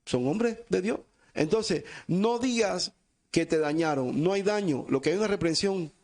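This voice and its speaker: A man's voice: sits high, moderate pace, darkish tone. A man from Cuba preaching a sermon with passion and emphasis, often acting out the voices of those he quotes.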